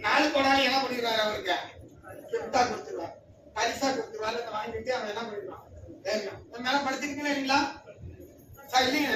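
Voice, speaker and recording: Animated man on stage. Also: very high-pitched. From Karur, Tamil Nadu. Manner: animated, joking, rousing. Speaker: motivational speaker at a business event. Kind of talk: stage speech with storytelling. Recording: echoey hall, from far off, noisy.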